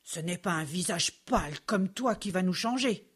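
A woman's voice: fairly low pitch, lively intonation, breathy edge, pitched below the performer's own voice. A woman doing Beaugrain, a grumpy little red grape. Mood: angry. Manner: grumbling, quick to anger. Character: hot-tempered young male red grape.

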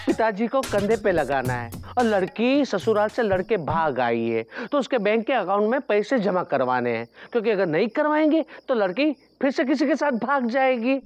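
A sly, haggling small-town politician. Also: male voice, sits high, sing-song, normal speed, few pauses. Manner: wheedling, sly bargaining. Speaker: scheming local candidate haggling over a bribe. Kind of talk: TV sitcom acting. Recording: TV soundtrack with background music.

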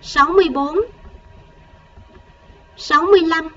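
High-voiced woman teaching children to count. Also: recorded from a distance, muffled recording, crowd noise. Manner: patient, slow counting, coaxing children with gentle prompts. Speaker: primary school math teacher. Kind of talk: recorded math lesson for first graders.

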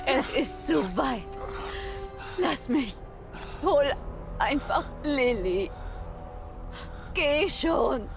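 An actress playing a weakened, self-sacrificing mother in a video game, speaking in a breathy, halting, emotional way. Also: sits high, animated, over music, full character voice. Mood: urgent pleading.

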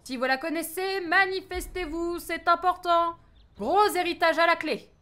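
Woman putting on a shouting old man in a market. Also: very high voice, moderate pace, pitched above the performer's own voice. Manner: loud calling out.

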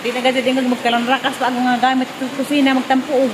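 A woman's voice: sits high, level tone, fast, background noise. A woman chatting casually to the camera in a home vlog, laughing often. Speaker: vlogger.

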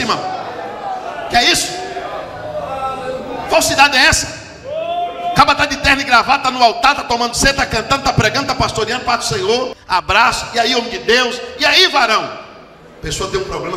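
Fervent shouting preacher in an echoey hall. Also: male voice, fast, a crowd in the background. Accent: Brazilian Portuguese. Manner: fervent, swings from low murmurs to shouted peaks. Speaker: pastor. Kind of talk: sermon. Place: large church hall. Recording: echoey hall, distant mic, background noise.

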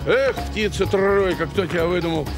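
A man in his sixties with a high-set voice works as a bingo caller on a studio lottery show. He announces numbers deliberately and tags them with catchphrases. Music plays behind him. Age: 60s. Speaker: lottery draw host. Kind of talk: bingo-caller number calling with nicknames and quips. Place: large TV studio. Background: music under the voice.

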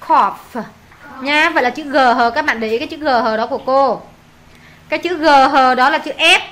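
A woman teacher with a Vietnamese accent, running an English pronunciation lesson and repeating words slowly for pupils to echo. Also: high-pitched, sharp tone.

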